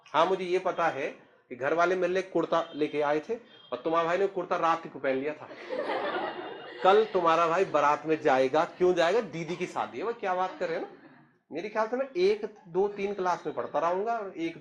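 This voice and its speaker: A man's voice: fairly high pitch, a little fast, highs cut off. A man, telling a story in a chatty, humorous way and speaking straight to the listener. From Uttarakhand, India. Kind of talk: casual spoken storytelling.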